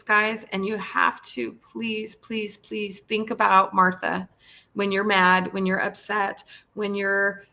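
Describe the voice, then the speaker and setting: A woman's voice: mid-range voice, bright, forceful tone. A woman hosting a live stream, talking earnestly and pleading with her listeners, often repeating words and at times tearful. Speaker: podcast host and pet spa owner. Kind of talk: live-stream casual talk.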